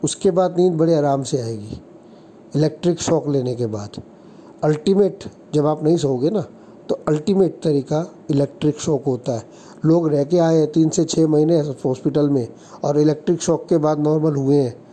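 A man speaking in a deep, mellow, very dark tone, lecturing earnestly on relationships. He walks through example stories and acts out the lines people said. A faint noise sits under his voice. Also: normal speed. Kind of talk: advice talk with example stories.

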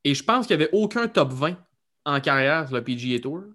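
Casual Québécois man, slightly high voice. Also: sing-song, a little fast, a bit bright. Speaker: golf podcast co-host. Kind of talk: casual sports chat.

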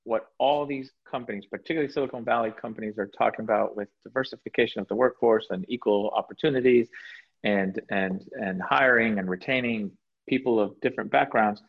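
A man's voice: on the low side, brisk, gravelly, slightly rough, highs cut off. A man from South Florida speaking on a panel of tech lawyers in a frank, conversational way, laughing easily, over a video call. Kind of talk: panel discussion.

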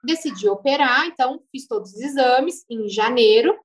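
Guesting on a relaxed interview, a Brazilian speech therapist shares her personal story in a high voice at normal speed. Her Portuguese accent comes through as she chats lively, with occasional laughter.

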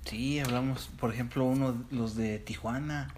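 A man with a Mexican accent co-hosting a casual podcast chat, animated and fond of mimicking regional ways of speaking. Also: medium pitch, moderate pace, slight background noise. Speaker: podcast co-host.

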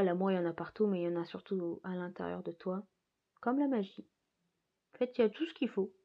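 A woman in a casual reflective monologue as a podcast host, musing and rambling, often laughing. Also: medium pitch. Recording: slightly dull lo-fi recording.

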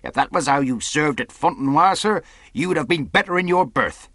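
A man's voice: mid-range voice, sing-song, unhurried, a bit bright, no room sound, studio quality, voice pushed up. A man voicing a stern, defiant sea captain in an audiobook, with clipped, authoritative, emphatic delivery. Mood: angry, reproving. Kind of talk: audiobook character acting.

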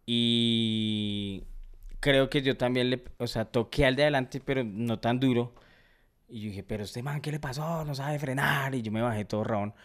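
Bogotá guy, smooth resonant voice, mid pitch, laid-back slangy storyteller. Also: moderate pace. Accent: Colombian, Bogotá. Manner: relaxed storyteller who gives friendly advice, slangy. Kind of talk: casual chat, storytelling.

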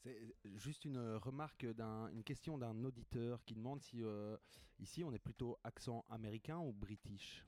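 A young man talks calmly in a class discussion and gives his opinions plainly. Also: mid-range voice, moderate pace, hardly any pauses, no echo, faint music behind. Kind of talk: casual discussion.

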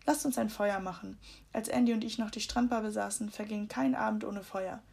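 A woman voicing a friendly grown woman who talks in a lively, questioning way. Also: mid-range voice, fairly quick, creaky, breathy edge.

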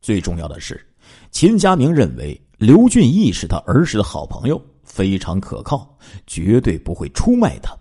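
A man's voice: lowish voice, wildly swooping pitch, normal speed, dark tone, breathy edge. A man narrating a true-crime case in a dramatic storytelling way, with asides to his listeners.

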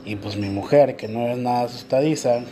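A man's voice: medium pitch, a little fast, crowd noise. Mexican man telling a personal story. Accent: Mexican Spanish. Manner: candid, emotional storytelling with slang. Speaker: co-host. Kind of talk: casual chat.

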